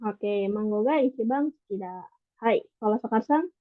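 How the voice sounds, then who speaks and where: A woman's voice: medium pitch, moderate pace, no room sound. Woman teacher on tinny call audio. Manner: patient explaining, frequent tag questions. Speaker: Japanese language teacher. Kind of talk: online class lesson.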